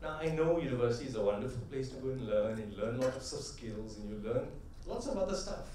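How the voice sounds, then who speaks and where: A middle-aged man's medium-pitched, dark, expressive voice moves fairly quickly as he gives a conversational, story-driven conference talk. He keeps tagging points with "right?" and builds toward rhythmic, emphatic punchlines. Heard from a distant mic in a big echoey convention hall, with a little hiss or hum.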